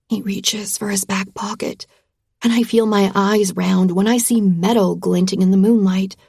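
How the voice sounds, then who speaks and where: Woman narrating in a breathy whisper. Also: mid-range voice, a little mellow, no echo, studio quality.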